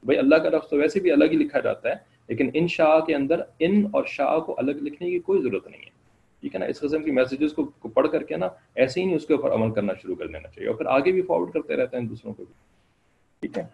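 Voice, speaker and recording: A man's voice: a little high, animated, gravelly. A man teaching a class, explaining step by step, often checking whether students follow and putting questions to them. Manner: explains patiently, keeps checking "okay?". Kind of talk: classroom lecture. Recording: dull lo-fi recording.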